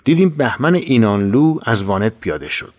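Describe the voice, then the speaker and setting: A man reading a first-person war memoir aloud, grave and steady with dramatic emphasis. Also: medium pitch. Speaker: memoir narrator.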